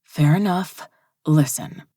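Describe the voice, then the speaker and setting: A woman reading an audiobook, voicing a composed young woman who speaks in a calm, polite but firm way. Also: sits low, slow pace, husky, no room sound, studio quality, exaggerated voice.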